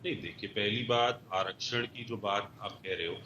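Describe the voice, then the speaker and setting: A man's voice: fairly low pitch, normal speed, sharp tone, echoey room, lo-fi sound. A man on a debate panel arguing insistently and repeating his demands. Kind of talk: heated debate argument.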